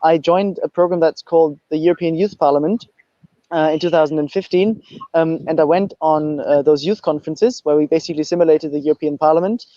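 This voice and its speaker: A man's voice: on the high side, a little fast, mellow, dry recording, highs cut off. A young man from Austria, giving panel remarks as a youth movement president, hesitant with frequent fillers, on a video call. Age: young adult. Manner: hesitant, many fillers and restarts.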